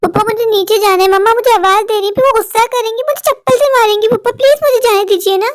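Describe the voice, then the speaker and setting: A woman's voice: extremely high pitch, fast. A woman voicing an anxious little boy in a cartoon story, whiny and insistent. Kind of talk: dubbed Hindi cartoon story.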